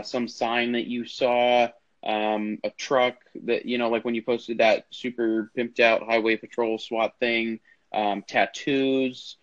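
A man's voice: mid-range voice, no echo. A man hosting a casual group call, talking through AirPods with a speakerphone-like sound, rambling with lots of filler words. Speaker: call host. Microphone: AirPods earbuds on a call. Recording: dull lo-fi call audio.

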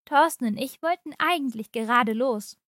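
A woman's voice: high voice, moderate pace, a bit bright, no echo, studio quality. A woman voicing a stressed mother on the phone in a story reading, strained and trying to stay polite. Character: stressed, harried young mother. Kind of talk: audiobook reading of a short story.

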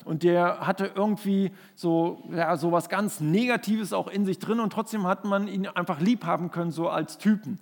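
A man's voice: sits high, moderate pace, hardly any pauses, big-room sound. A man preaching a sermon, telling a personal story in an earnest, conversational way and often restarting his sentences.

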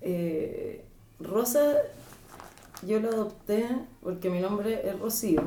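A woman's voice: mid-range voice, takes it slowly, dark tone, recorded from a distance, slight background noise. A woman with a Chilean accent, a podcast guest talking in casual chat, reflective and searching for words. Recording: echoey room.

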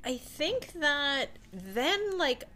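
A woman's voice: high voice, drawn-out words. A woman in her forties from Toronto, chatting casually as an interview guest, full of "like" and easy laughter. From Toronto, Canada. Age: 40s. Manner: relaxed and chatty, peppered with "like" and laughter. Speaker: guest, fashion stylist.

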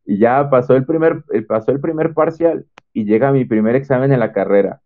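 A young man with a Mexican accent tells of his own schooling in a casual, animated way and acts out the dialogue he recalls. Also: mid-range voice, brisk. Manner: animated storyteller who acts out quoted dialogue. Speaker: homeschooled former student sharing experience. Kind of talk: casual testimonial talk. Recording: tinny phone-like sound.

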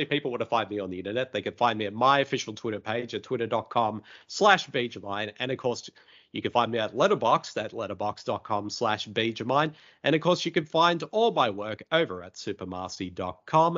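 A man's voice: medium pitch, a bit bright. A man hosting a podcast, chatting casually with many fillers. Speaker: podcast host. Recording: dull lo-fi podcast audio.

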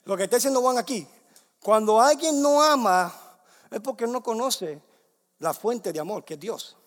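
A young adult man preaching a sermon, moving between loud emphatic declarations and soft hushed passages. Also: high-pitched, animated, brisk. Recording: long hall reverb.

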